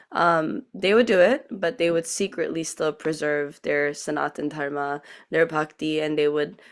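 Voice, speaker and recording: Speaking on a panel, this priestess, a woman from an Indo-Guyanese family in the U.S., gives a personal account in a deliberate, earnest manner, her voice pitched low.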